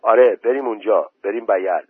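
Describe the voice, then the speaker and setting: A man's voice: lowish voice, breathy edge, dry recording. A man putting on an agreeable scavenging villager. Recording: tinny phone-like recording.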